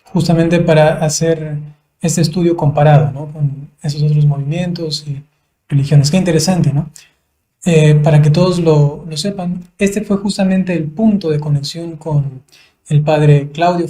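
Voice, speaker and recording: A man, a priest, hosting a livestreamed conversation, speaking in a measured way with frequent fillers. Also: a little high, steady tone, dark tone. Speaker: priest, host.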